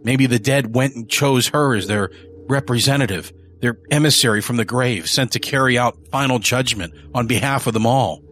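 A man's voice: mid-range voice, moderate pace, a bit bright, lightly acted. A man voicing a ruthless, wealthy male killer who rambles through a paranoid confession. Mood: agitated, rambling.

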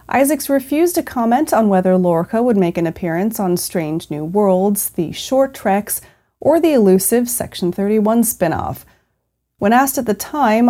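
A woman hosting a news podcast, reading scripted stories in a measured, clearly phrased manner. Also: mid-range voice, dark tone.

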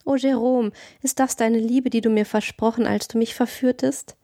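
A woman's voice: fairly high pitch, steady tone, normal speed, warm tone, dry recording, studio quality, pitched above the performer's own voice, natural voice. A woman voicing an indignant, reproachful young woman accomplice in an audiobook reading. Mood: plaintive.

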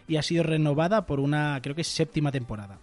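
A man's voice: on the high side, quick pace. A man co-hosting a podcast in casual chat, reading listener comments aloud in a jokey way. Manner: animated, jokey, reads messages aloud. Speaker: podcast co-host.

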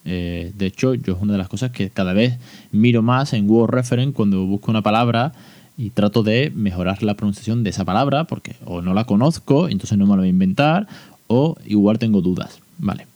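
Man, podcast host, low mellow voice, ironic and chatty, close dry mic. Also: brisk, no room sound. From Spain. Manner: ironic, chatty, many fillers. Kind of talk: casual solo podcast talk.

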